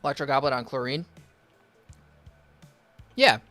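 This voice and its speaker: A medium-pitched, expressive man talks a little slowly in a pushed, bright voice over soft background music. As a streamer reviewing viewers' game accounts, he answers chat between gameplay and gives casual advice in a rambling way, full of fillers and restarts.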